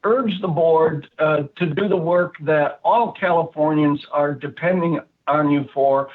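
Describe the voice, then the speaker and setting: Phone-in man with a slightly high voice, reading a hesitant, earnest public comment over a thin telephone line. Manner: earnest, hesitant, frequent "uh" fillers and restarts. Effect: speaking over a phone line. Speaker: public commenter at a board meeting.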